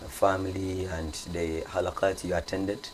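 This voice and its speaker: A man hosting an interview, preaching in Hausa before calmly questioning his guest and repeating her answers back. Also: low-pitched, measured pace, a little hiss or hum. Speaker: host. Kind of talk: radio interview, opens with Hausa sermon.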